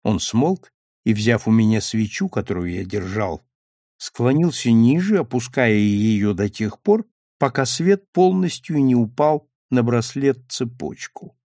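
Gravelly male audiobook narrator. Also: medium pitch, unhurried, dry recording, clean studio sound. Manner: expressive storytelling. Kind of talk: scripted first-person narration.

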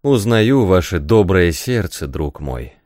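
A man reading aloud voices a tormented, volatile young man who breaks into strained shouting. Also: fairly low pitch, sing-song, normal speed, dry recording, clean studio sound. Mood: gentle. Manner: outbursts of raised, strained shouting.

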